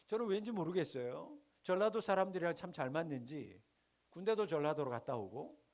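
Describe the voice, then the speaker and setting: Lively preaching pastor, high voice. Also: male voice, brisk. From Gyeongsang region, Korea. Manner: rhetorical questions to the congregation, lively swings between loud and hushed. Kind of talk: sermon.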